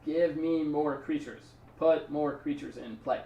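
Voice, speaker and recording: A man's voice: on the high side, fairly even intonation, measured pace, vocal fry, dark tone, roomy sound, distant mic, muffled recording. A man streaming a card game, talking through his plays in a rambling, chatty way and thanking subscribers. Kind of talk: casual live-stream commentary.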